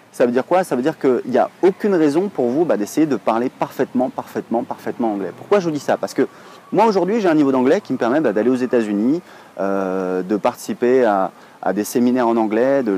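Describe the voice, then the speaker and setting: Speaking a little fast in a warm, expressive, medium-pitched voice, this thirty-something Frenchman chats to camera in a relaxed way. He blogs and teaches English online, and his talk wanders with frequent hesitations.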